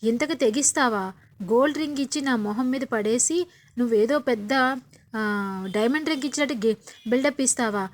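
A woman voicing an angry young sister-in-law who shouts and taunts in a retold serial scene. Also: fairly high pitch, normal speed, natural voice. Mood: furious. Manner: shouting, sarcastic. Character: furious young sister-in-law, loud and accusing.

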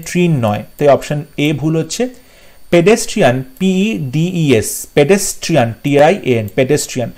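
A man's voice: fairly high pitch, a little mellow. A man teaching an exam-prep spelling lesson, spelling words out letter by letter, repeating them, and speaking directly to his students. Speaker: English teacher.

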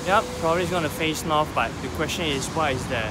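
Man in his forties, slightly high voice, phone selfie vlog by a road with heavy traffic noise. Explanatory, thinks out loud. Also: fast talker. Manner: explanatory, thinks aloud with fillers. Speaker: feng shui consultant. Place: outdoors by a busy road. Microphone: phone at arm's length.

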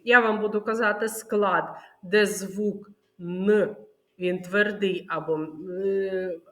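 A woman preschool teacher leading a literacy lesson for young children, sounding out words slowly and clearly and prompting the class to repeat after her. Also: mid-range voice, a bit bright. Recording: roomy echoey room.

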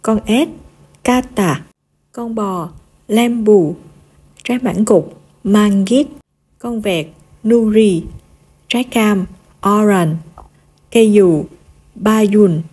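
A woman leads a slow, patient pronunciation lesson, sounding out syllables one by one. Her voice is slightly husky, with a middle pitch. She explains each point in plain, simple terms. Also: darkish tone. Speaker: language teacher vlogger.

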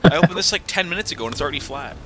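A man's voice: fairly high pitch, lively intonation, racing, a crowd in the background. A man playing a video game with friends, joking, swearing and laughing as he talks. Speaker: co-op player. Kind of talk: casual gameplay banter. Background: game music.

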